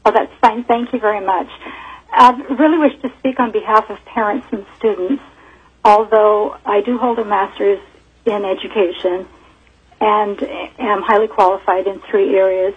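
A woman's voice: mid-range voice, fairly even intonation, moderate pace, husky. A woman in her fifties giving formal testimony as a teacher and parent, heard over a phone line in a hearing room, earnest and reading prepared points.

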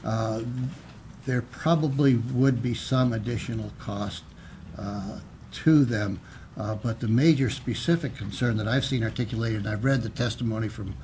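A man speaks in a fairly low voice with the careful, measured delivery of a politician or official at a hearing. He pauses often as he testifies formally, with some noise in the room recording. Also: a little mellow. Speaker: physician and state health official testifying. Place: indoor legislative committee room. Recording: noisy public hearing room audio.

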